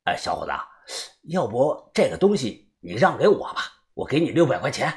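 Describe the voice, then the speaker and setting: A man voicing a fussy retired old man who collects jade, with a Beijing accent, speaking lower and quieter. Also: huge pitch swings, moderate pace. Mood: wheedling.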